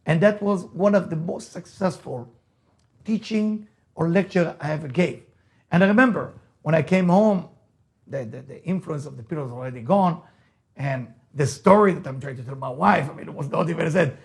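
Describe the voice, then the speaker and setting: Speaking at a normal speed with lively intonation and a slightly high voice, a man with an Israeli accent delivers a motivational lecture. A rabbi, teacher and native Hebrew speaker, he presses his points emphatically, returning to key phrases and posing rhetorical questions.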